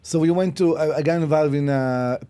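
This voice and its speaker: A man's voice: a little high, moderate pace, warm tone, clean tone. A man in his fifties, originally from Israel, telling his real estate story bluntly in a podcast interview and often checking in with "okay?". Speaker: guest, commercial real estate broker. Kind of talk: casual interview. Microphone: podcast studio mic.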